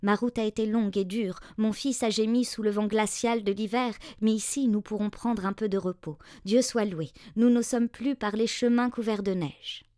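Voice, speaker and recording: A woman voicing an exhausted, desperate poor mother pleading softly for her child. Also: mid-range voice, steady tone, normal speed, hardly any pauses, no echo, studio quality, natural voice. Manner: soft, pleading.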